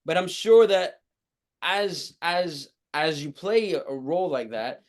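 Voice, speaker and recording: A man's voice: a little high, lively intonation, slow. A man speaking as an interview guest, chatting casually in an earnest, appreciative way. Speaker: actor being interviewed.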